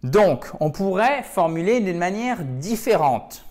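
Guy teaching english, slow and careful, says the tricky words over and over. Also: high voice, big pitch swings, a little mellow. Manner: thinks aloud, repeats English words slowly to drill stress. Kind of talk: correcting a viewer's email on video.

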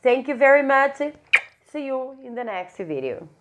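A woman with a Brazilian Portuguese accent teaches English in a somewhat high voice. She speaks at an unhurried pace, drawing out each English example and repeating it. She keeps checking in with a friendly "ok?". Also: big pitch swings, background noise. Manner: ends phrases with a checking "ok?". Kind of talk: online English lesson.

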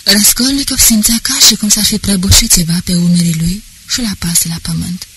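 Steady audiobook narrator, mid pitch. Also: slight background noise, rough recording. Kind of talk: scripted literary narration.

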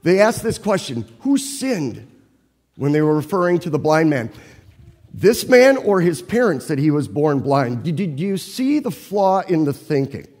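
A man's voice: on the high side, expressive, normal speed, a little mellow, big-room sound. A man preaching a sermon, telling a personal story in a conversational way and asking his listeners questions. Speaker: pastor.

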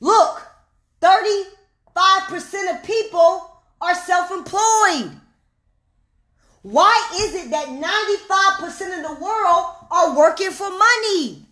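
Fired-up woman, very high voice, preachy. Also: bright, forceful tone. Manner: emphatic and preachy, repeats lines slowly, calls out "hello?". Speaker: online money coach. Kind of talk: fired-up direct-to-camera rant.

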